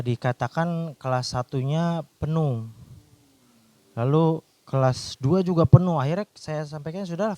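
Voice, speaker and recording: A man's voice: on the high side, darkish tone, dry recording. A man, a doctor, telling a personal faith testimony in an earnest storytelling way, with restarts.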